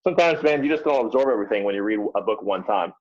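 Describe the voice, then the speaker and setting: A man telling stories as a guest on a podcast, in a relaxed, easygoing way. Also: lowish voice, very fast. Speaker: podcast guest, real estate investor. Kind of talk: casual interview chat. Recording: dull lo-fi sound.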